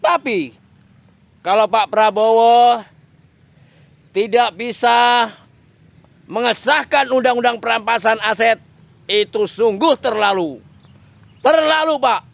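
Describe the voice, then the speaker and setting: Slow, creaky man ranting. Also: very high voice, fairly even intonation, a bit bright, no room sound. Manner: addresses a politician directly, repetitive emphatic phrasing. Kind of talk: political commentary monologue.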